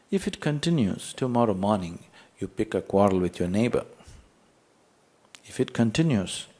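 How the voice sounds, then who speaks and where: Emphatic man asking rhetorical questions. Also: fairly low pitch. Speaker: spiritual teacher. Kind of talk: spiritual talk to an audience.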